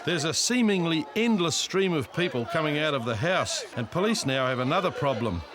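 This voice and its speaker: A man's voice: on the high side, expressive, a little fast, background noise. A man with a New Zealand accent reading scripted narration for a police documentary. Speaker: reality show narrator.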